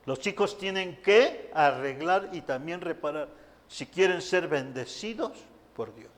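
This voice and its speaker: A man's voice: a little high, animated, measured pace, in a large hall. A man preaching a sermon, speaking emphatically and calling out to the congregation.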